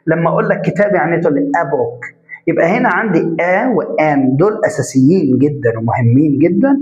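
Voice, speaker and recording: A man's voice: a little high, animated, a little mellow. A man with an Egyptian Arabic accent teaching a grammar lesson step by step, putting questions to the class and answering them himself, and stretching out example sounds. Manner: drawn-out spoken examples. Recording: echoey room, dull lo-fi sound.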